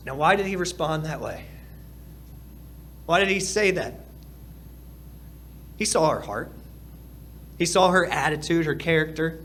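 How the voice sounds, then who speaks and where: A man's voice: a little high, a little slow, long pauses, a bit bright, slight background noise. A man preaching a sermon from the pulpit, earnest and repeating key phrases for emphasis. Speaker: pastor. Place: church hall.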